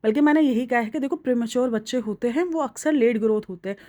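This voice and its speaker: Youngish woman ranting about vlogs, kinda high voice, dry close sound. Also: fast, no room sound. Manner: opinionated, chatty, animated. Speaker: vlog commentator. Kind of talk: casual commentary on vlogs.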